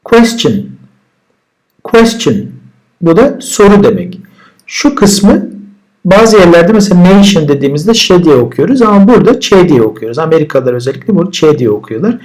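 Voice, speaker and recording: Male teacher, slightly higher voice, repeats each word and then explains it calmly. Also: fairly quick. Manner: relaxed explaining, with repeated words and translations. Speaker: English teacher. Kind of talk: vocabulary lesson.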